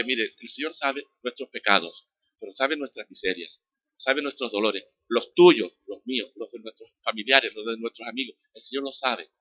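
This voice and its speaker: A man preaching a sermon, animated and conversational, rising loud on key phrases and addressing the congregation directly. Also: mid-range voice, dry recording, lo-fi sound.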